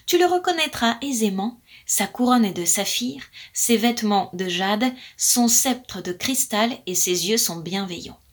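A woman's voice: mid-range voice, animated, unhurried, hardly any pauses. A woman voicing a cautious female magpie in a storybook tale, speaking in a confiding, warning tone.

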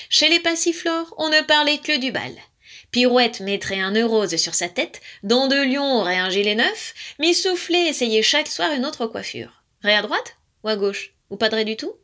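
Lively woman reading a children's story. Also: fairly high pitch, moderate pace, hardly any pauses. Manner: lively, expressive.

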